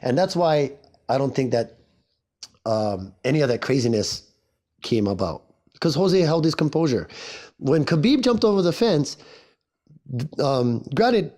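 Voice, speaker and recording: A man in his forties from Hawaii hosting a casual solo podcast. He sounds hoarse and talks in a rambling, chatty, self-mocking way. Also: medium pitch, big pitch swings, unhurried, long pauses, a little mellow. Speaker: podcast host.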